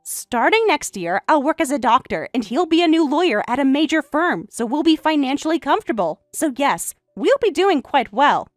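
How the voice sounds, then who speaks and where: A composed, quietly defiant young professional bride played by a woman in a family drama story. She speaks in a fairly high, lively voice with pointed, matter-of-fact delivery, recorded dry over faint music. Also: normal speed, few pauses, dry recording. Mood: composed, proud. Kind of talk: acted dialogue in a narrated family drama.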